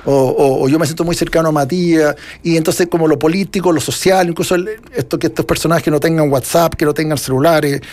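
High-voiced rambling Chilean man. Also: steady tone, fairly quick, few pauses, darkish tone. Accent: Chilean Spanish. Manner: rambling, many restarts and fillers, reflective. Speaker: author being interviewed. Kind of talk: casual interview conversation.

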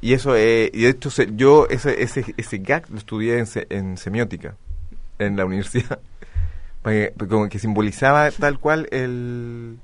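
A man's voice: mid-range voice, normal speed, dry recording. A man co-hosting a casual talk show, explaining ideas at length and restarting his sentences. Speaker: show co-host. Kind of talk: casual chat.

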